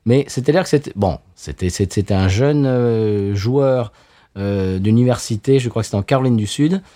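A man's voice: lowish voice, moderate pace, warm tone. A middle-aged French man co-hosting a podcast, telling a story in casual chat with many restarts and fillers. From France. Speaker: podcast co-host.

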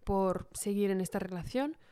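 Woman on a podcast, smooth warm voice, rambly and hesitant, lots of ums. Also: medium pitch, normal speed. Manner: hesitant, many fillers and restarts. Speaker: podcast co-host. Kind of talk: casual personal storytelling.

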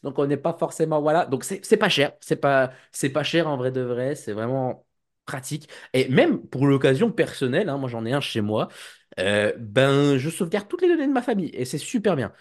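A man's voice: medium pitch, very animated, normal speed. A man working in IT and cybersecurity, talking casually on a podcast, rambling and acting out little scenes. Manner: rambling, with restarts and playful acted quotes. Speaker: IT and cybersecurity guest.

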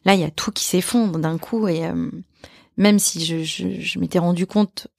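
A woman, an actress and author, telling a personal story as a podcast guest, halting and repeating her phrases. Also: fairly low pitch, steady tone, creaky, no echo, studio quality.

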